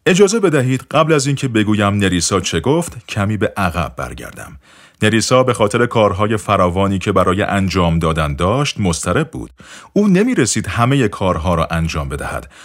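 A man narrating an audiobook in a measured, repetitive way, often letting his voice drop softer at the end of phrases. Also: lowish voice, big pitch swings. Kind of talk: scripted narration.

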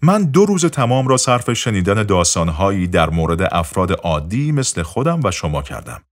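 Low-voiced man narrating an audiobook. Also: very animated. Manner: measured, repetitive, often dropping softer. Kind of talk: scripted narration.

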